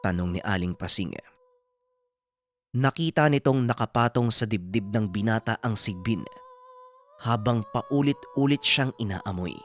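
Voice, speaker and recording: A woman narrating a folk horror story in a steady, plain storytelling manner. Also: rumbling low, unhurried, long pauses.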